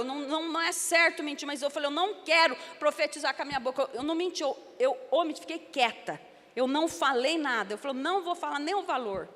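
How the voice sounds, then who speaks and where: A woman pastor tells her testimony in an emphatic, dramatic storytelling manner. Her voice sits high for a woman. She preaches in a large church hall, and a long reverb hangs behind her words. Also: pushed and bright. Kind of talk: testimony sermon.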